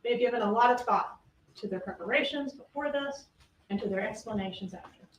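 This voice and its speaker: A woman's voice: a little high, fairly quick, a little hiss or hum. Woman prosecutor firing rhetorical questions. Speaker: trial prosecutor. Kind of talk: courtroom closing argument. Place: large courtroom. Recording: echoey courtroom audio from far off.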